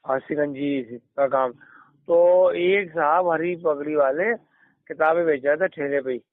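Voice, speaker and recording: A middle-aged man recounts a long story on a phone call, his voice sitting a little high. He rambles, restarts and circles back to details. The line is tinny and phone-like, with a dry, close sound. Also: measured pace, dry recording. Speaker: caller. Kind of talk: phone conversation.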